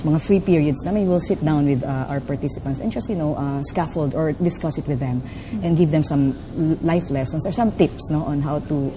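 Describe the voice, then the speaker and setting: A Filipino woman who works as a life coach and trainer answers interview questions, mixing English with Filipino. Her voice is low and deep with a Filipino accent, and she explains fluently, using lots of fillers and a habitual "no?" at the end of her points. Background noise can be heard around her.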